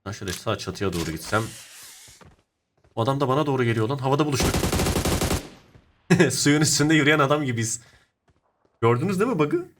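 A young man talks through his mobile shooter match as he plays, at a middle pitch. He drops into quiet mutters and then jumps up into sudden excited shouts, his voice swinging widely. Faint game gunfire sits underneath. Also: fairly quick, long pauses, background noise. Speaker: gaming YouTuber. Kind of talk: live gameplay commentary.

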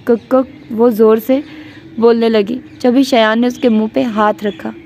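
A woman reads a romantic novel aloud for an audiobook, doing the narration and all character voices on her own. Her fairly high voice keeps a steady tone at normal speed, with vocal fry and a slightly mellow quality.

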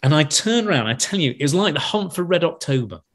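A man, a wine expert, telling a lively anecdote on a podcast, acting out other people's lines and laughing as he goes. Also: on the high side, fast, slight background noise. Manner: animated storyteller, acts out quotes, laughs mid-sentence.

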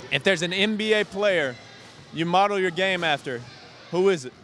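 Speaking at a moderate pace in a high, sharp-toned voice, a young TV sports reporter interviews kids with a handheld mic inside a big, noisy gym full of bouncing balls, faint music behind. His manner is upbeat and encouraging, with short affirmations repeated often.

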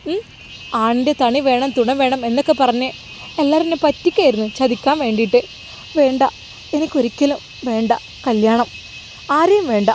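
A woman voices a heartbroken young woman who sounds tearful, hurt, bitter, and pleading, with faint evening crickets behind her. Her natural voice is pitched above her own, high with a darkish tone, at a moderate pace, with slight background noise.

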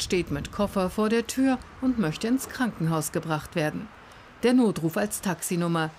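A woman reading scripted documentary narration in an even, factual way. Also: on the low side, a little hiss or hum.

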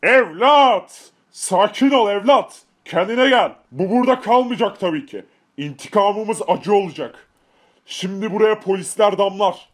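A man voicing a calm older gang boss who gives slow, soothing orders in a game-video drama. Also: high voice. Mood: calm commanding.

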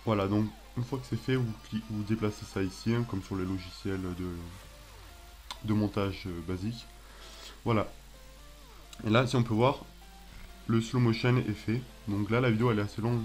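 A young man with a French accent hosting a casual software tutorial, hesitant and self-mocking, with many fillers and restarts. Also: fairly low pitch, fairly even intonation, normal speed, long pauses, soft background music. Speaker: tutorial host. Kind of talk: casual screen-recorded tutorial.

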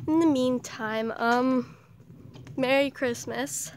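A young woman from Canada, hoarse with the flu, chatting in a self-mocking way as she vlogs outdoors. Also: high-pitched, takes it slowly, a little hiss or hum. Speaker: vlogger. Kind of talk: casual vlog while walking outdoors. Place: outdoors in a small town.

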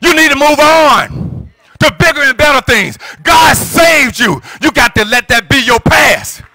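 This is a middle-aged American pastor giving a fiery sermon through a gooseneck microphone at the pulpit of a church sanctuary. His very high voice is animated and a little slow, and his emphatic exhortations often climb into shouting. The audio is dry and poor.

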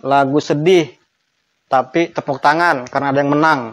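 A man's voice: on the high side, steady tone, normal speed, no room sound. A man giving a conversational online lesson on Quran grammar, emphatic and acting out intonation examples.

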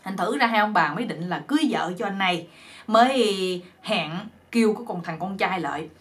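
A woman's voice: medium pitch, a little fast. A woman with a Southern Vietnamese accent telling a folk joke story in a chatty, rambling, folksy way.

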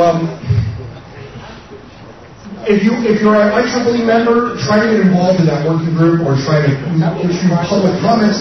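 A drunk man giving an informal, rambling, opinionated talk to an audience as a speaker, with some swearing. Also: fairly high pitch. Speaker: conference speaker. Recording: echoey hall, far from mic, muffled, audience.

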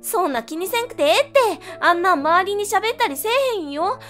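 Upbeat girl with a put-on Kansai accent, played by a woman reading a game; high and very lively. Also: a little fast, soft background music. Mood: cheerful. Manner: bubbly, reassuring, chatty dialect. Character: cheerful young Osaka waitress girl, friendly. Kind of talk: reading game dialogue aloud.

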